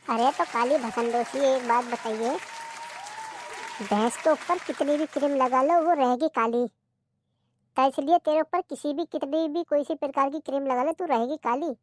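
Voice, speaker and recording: A woman's voice: high voice, moderate pace, some chatter behind, natural voice. A woman voicing a lazy, rude young husband in a cartoon comedy, mocking and insulting.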